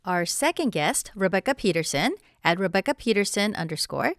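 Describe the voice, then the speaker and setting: A woman hosts an education podcast in a theater venue while a crew sets up, first reading an upbeat scripted introduction and then chatting casually with guests in an interview. Her voice is mid-range, very animated, and fairly quick.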